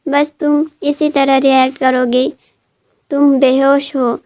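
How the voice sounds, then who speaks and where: A woman reading the lines of a caring young woman healer who gently urges a wounded friend to rest. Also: high voice, flat delivery, slow. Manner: soothing, urging rest.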